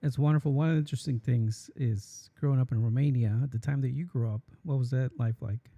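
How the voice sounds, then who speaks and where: Dark, gravelly male podcast host. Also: mid-range voice, steady tone, quick pace. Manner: friendly, with fillers. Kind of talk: podcast hosting. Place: campus studio.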